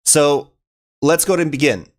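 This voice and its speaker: A man's voice: fairly high pitch, fairly quick. A man hosting a live webinar, talking through slides in an upbeat, informal way as he addresses his viewers. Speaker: livestream host and product presenter.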